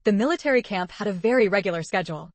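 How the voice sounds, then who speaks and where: A woman narrating a serialized web novel audiobook in an even, steady reading manner. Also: medium pitch, racing, dry recording.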